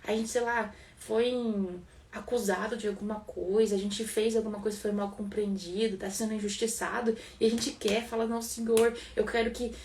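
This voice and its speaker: A woman's voice: medium pitch, steady tone, normal speed, few pauses, a little mellow, distant mic, slight background noise. A Brazilian woman giving an informal devotional teaching in an earnest, conversational way, often repeating phrases for emphasis. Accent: Brazilian Portuguese.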